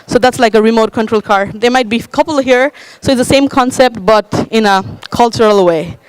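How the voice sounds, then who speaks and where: A woman from Nepal presents her work in a high, clear voice. The sound is close and dry, and she hesitates often, with many uhs and likes. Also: a little fast, no room sound, low-quality recording. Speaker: panel speaker. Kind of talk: conference presentation.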